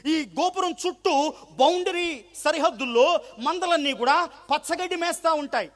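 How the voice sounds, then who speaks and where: Male pastor, very high bright voice, emphatic sermon, repeats phrases, asks rhetorical questions.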